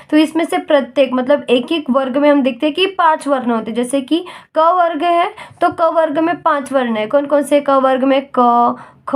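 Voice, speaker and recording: Female teacher, high voice, patient lesson delivery with frequent check-ins. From India. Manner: patient, repeats "ठीक है?" to check understanding; recites letters slowly one by one. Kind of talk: classroom-style lesson explanation.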